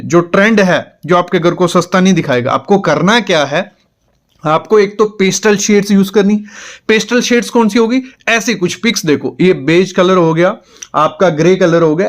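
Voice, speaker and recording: Male interior design advisor, fairly high voice, direct instructional delivery. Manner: direct, advice-giving, talks straight to the viewer. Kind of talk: instructional home design explainer.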